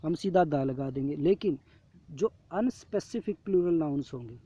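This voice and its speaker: A man with an Indian accent teaching an English grammar lesson, explaining patiently to students and reading the English examples out slowly. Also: a little high, animated, dark tone, slightly rough. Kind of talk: classroom lesson explaining a worksheet. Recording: dull lo-fi audio.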